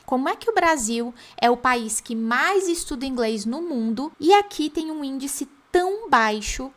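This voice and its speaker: A woman with a Brazilian Portuguese accent teaching an online class, lively and chatty, with teasing asides to the crew. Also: high-pitched, normal speed. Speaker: English teacher and host. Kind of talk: online class, speaking straight to camera.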